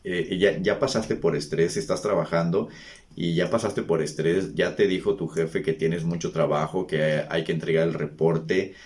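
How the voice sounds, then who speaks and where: Deep voiced guy hosting a talk, thinking out loud, asks lots of questions, restarts a lot. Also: fairly even intonation, moderate pace. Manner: conversational, rhetorical questions, frequent restarts. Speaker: host. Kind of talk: reflective monologue.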